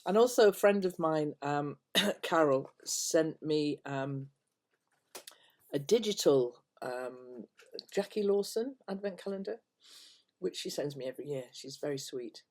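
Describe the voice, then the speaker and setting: An older woman vlogger chats casually to her viewers at home, meandering and hesitant, with phrase endings that trail off softly. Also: low voice, expressive, measured pace. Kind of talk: casual rambling chat to camera. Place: at home, indoors.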